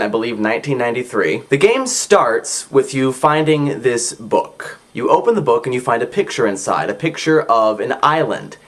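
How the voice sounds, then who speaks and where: A man reviewing a book on his channel, explaining its background in an earnest, methodical way. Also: mid-range voice. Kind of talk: casual video review.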